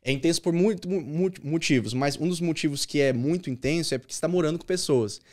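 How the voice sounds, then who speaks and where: A man's voice: a little high, fast, darkish tone. A man, a youth pastor telling a personal story as a podcast guest, earnest and repeating key words for emphasis.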